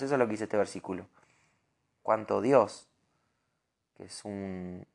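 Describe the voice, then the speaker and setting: A man with a Rioplatense Spanish accent giving an earnest, animated devotional sermon, sometimes restarting his words. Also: lowish voice, creaky. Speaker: preacher.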